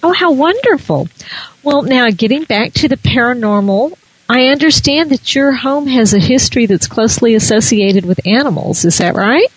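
A woman's voice: fairly high pitch, lively intonation, moderate pace, slightly rough, poor audio. A woman hosting a radio show, interviewing a guest in a conversational way.

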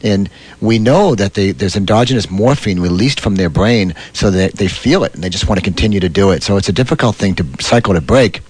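Low-voiced man hosting a radio show. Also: a little fast, a little mellow, slightly rough. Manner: hesitant, filler-heavy, explanatory. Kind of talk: casual radio chat.

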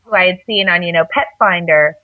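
On a radio interview show, a female guest tells stories casually, rambling with plenty of fillers and restarts. Her voice is fairly low and a little fast, recorded dry with phone-quality sound.

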